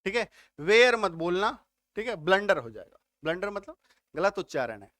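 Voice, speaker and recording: A man's voice: sits high, big pitch swings, moderate pace, fairly bright tone, no echo. A man teaching English grammar step by step, often stopping to check whether his students have understood. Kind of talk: spoken grammar lesson.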